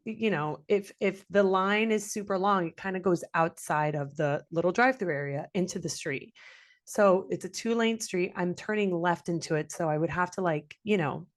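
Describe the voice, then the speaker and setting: A young woman co-hosting a podcast, telling a story in casual chat, animated and swearing freely as she acts out what people said. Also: lowish voice, moderate pace. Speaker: podcast co-host.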